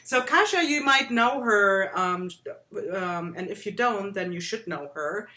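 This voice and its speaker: A woman's voice: mid-range voice, expressive, measured pace, bright, forceful tone. A woman hosting a casual interview, bubbly and giggly, with lots of ums and likes. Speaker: interview host.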